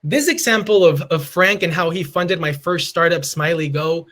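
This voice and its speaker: In a fairly high, sharp-toned voice at normal speed, a Peruvian man in his twenties gives an earnest motivational lightning talk. He has a Peruvian Spanish accent and works Spanish phrases into his stories.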